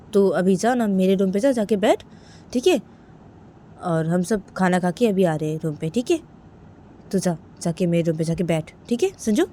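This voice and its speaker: Woman doing a soft-spoken soothing young man. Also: on the low side, a little hiss or hum, natural voice. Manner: soft, soothing, repetitive reassurance. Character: calm young man soothing his cousin.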